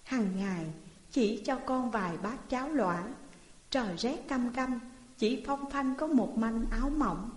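A woman's voice: a little high, a little slow, lightly acted. A woman reading a folk tale voices a mistreated thirteen-year-old boy lamenting at his parents' grave. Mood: grieving. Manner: lamenting, plaintive. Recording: echoey reverberant room.

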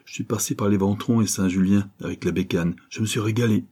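Brief: male narrator voicing a breezy, cocky cop buddy, low husky tone, dark. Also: fairly even intonation, a little fast. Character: brash middle-aged male cop, motorbiker.

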